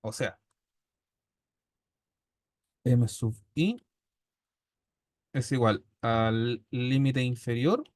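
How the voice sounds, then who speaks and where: This Chilean statistics teacher speaks at medium pitch with drawn-out words, frequent pauses and a slightly mellow tone. His classroom lecture proceeds patiently step by step, punctuated by constant "¿ya?" check-ins. Studio quality, no room sound.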